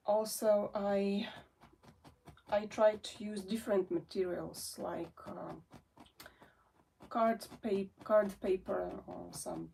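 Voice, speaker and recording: The host of a felting channel, a woman in her forties born in Russia, addresses the camera slowly in her second language, English, hesitating and restarting with many fillers. Her mid-range voice is gravelly and a little distant from the microphone, with slight background noise in this relaxed, homemade chat.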